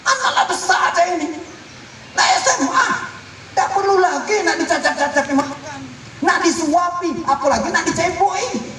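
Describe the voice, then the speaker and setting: High-voiced preacher in an echoey room. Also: male voice, normal speed, far from the mic. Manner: animated, acting out quoted parents and children, bursts of shouting. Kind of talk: sermon. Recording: echoey room, voice from off-mic, faint noise.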